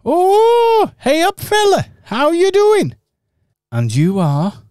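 A high, chirpy male pink cat with a Northern English lilt, put on by a man, grinning through breezy banter in a radio pantomime. The voice leaps far above the performer's usual pitch and swings about with lively bounce. It sits close and dry on the mic. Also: slow, no echo, exaggerated voice.

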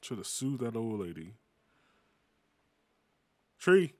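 A man with a sick, hoarse voice giving casual gameplay commentary, swearing and mumbling at the game. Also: on the low side, lively intonation, measured pace, a little mellow. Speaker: gaming streamer.

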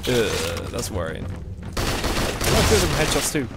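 Young man chatting over loud gunfire. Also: medium pitch, huge pitch swings, takes it slowly, vocal fry, heavy background noise. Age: young adult. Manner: chatty, joking, swearing at opponents. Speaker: gameplay commentator. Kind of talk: casual gameplay commentary. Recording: loud gunfire from the game behind.

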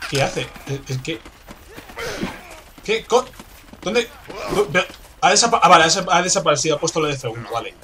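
A man with a Spanish accent from Spain, commentating a game he is playing, excitable and swearing, with sudden loud outbursts. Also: fairly high pitch, a little fast, long pauses, a little hiss or hum. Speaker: gameplay commentator. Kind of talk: let's play commentary. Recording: game music in background.

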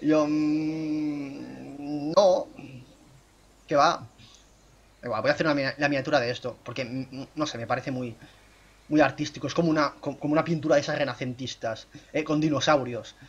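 A man's voice: fast, slightly rough, highs cut off. A young man giving casual, self-mocking gameplay commentary into a desk microphone. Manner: chatty, self-mocking, bursts into excited high shouts. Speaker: gaming YouTuber.

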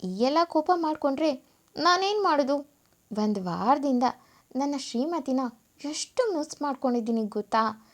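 A woman reading a story voices a young husband who softly coaxes his wife. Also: high-pitched, expressive, moderate pace. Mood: coaxing. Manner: soft, coaxing. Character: young husband, tender and coaxing.

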